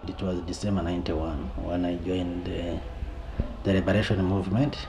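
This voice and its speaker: Deep male interviewee, forties, halting delivery, noisy ambience behind. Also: flat delivery. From Rwanda. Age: 40s. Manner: hesitant, with many fillers and restarts. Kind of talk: documentary interview testimony.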